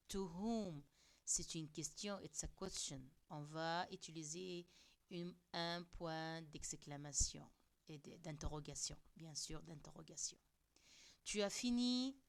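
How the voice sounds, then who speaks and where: A woman's voice: fairly low pitch, clear, resonant tone. A woman teacher explaining French grammar to young pupils, translating each point into English as she goes. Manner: switches between French and English glosses, slow and deliberate. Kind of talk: classroom lesson explaining grammar.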